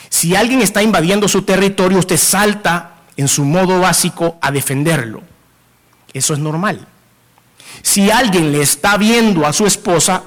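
A male pastor preaching a sermon in an animated way, acting out jealous couples in quick asides. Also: high voice.

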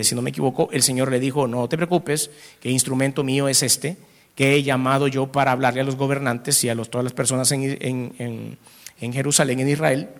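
A man's voice: mid-range voice, fairly bright tone. A man preaching a sermon, reading scripture aloud and asking the congregation questions, with sudden emphatic rises. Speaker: pastor.

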